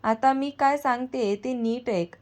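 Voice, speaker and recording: A wise, gentle middle-aged aunt who comforts and firmly corrects her nephew, as a woman storyteller plays her. Her slightly high voice stays soft and patient. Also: measured pace. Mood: scolding.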